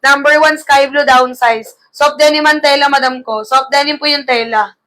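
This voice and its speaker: A woman selling clothes on a livestream, tired after shouting earlier, talking in a brisk, repetitive sales patter with a slightly gravelly sound through her mic. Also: sits high, fairly even intonation. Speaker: online live seller. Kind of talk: live-selling sales pitch. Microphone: close-up streaming mic.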